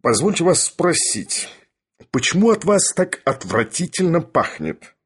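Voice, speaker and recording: A man voicing a stern, weary elderly male professor who speaks in a measured, heavy, cutting way, with a husky voice. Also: on the high side, big pitch swings, voice pushed up, full character voice. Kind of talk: audiobook character voice.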